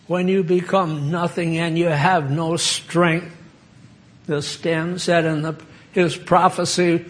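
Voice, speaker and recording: An older American man giving an informal sermon, conversational and halting with many fillers. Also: on the high side, gravelly. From United States. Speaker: preacher.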